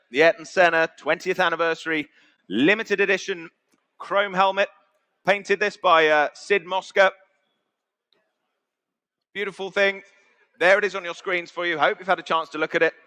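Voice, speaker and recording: A man's voice: high-pitched, sharp tone. A British man working as an auctioneer, calling bids in a conversational way and repeating the figures. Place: auction sale room.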